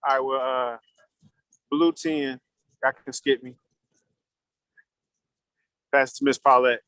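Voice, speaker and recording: A man's voice: medium pitch, level tone, slow pace, fairly bright tone, clear, resonant tone, no room sound, rough recording. A man calling into a group meeting over a car speakerphone while he drives, keeping his check-in short and matter-of-fact. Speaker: meeting participant. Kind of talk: brief check-in on a group call.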